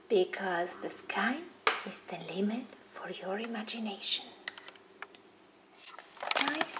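A woman narrates a doll story in a soft, storytelling manner, her voice high and slow. The camera mic sits over a tabletop. Steady noise runs through the home recording. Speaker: toy video host. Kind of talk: toy play narration.

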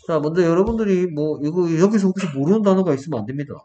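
A man's voice: high voice, animated, dark tone. Man teaching an English lesson, dull recording. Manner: explains step by step, drills with quick questions. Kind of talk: exam-prep lesson, quizzing a student. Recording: dull lo-fi room recording, faint noise.

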